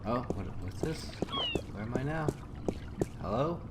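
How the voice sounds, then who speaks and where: A man's voice: medium pitch, lively intonation, unhurried, heavy background noise. A man casually commenting while playing a game, rambling with lots of fillers. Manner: rambling, filler-heavy reactions. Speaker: let's play host.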